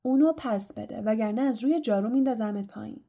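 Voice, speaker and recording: A hot-tempered young schoolboy wizard, as a woman narrator puts him on, forceful and defiant. His voice rides high with a mellow tone. A storybook hero shouting down a rival.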